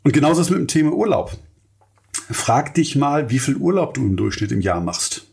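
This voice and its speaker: A man's voice: mid-range voice, big pitch swings, fairly quick, vocal fry, darkish tone. A middle-aged man hosts a solo podcast monologue in a mid-range voice. He speaks earnestly, coaching and motivating his listeners directly. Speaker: podcast host, entrepreneur.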